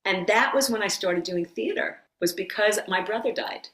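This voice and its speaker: A middle-aged woman, a yoga teacher and former occupational therapist, telling her story as a guest in a casual interview, animated and quick to laugh. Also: mid-range voice. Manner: animated storyteller who acts out quotes and laughs often. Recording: roomy echo.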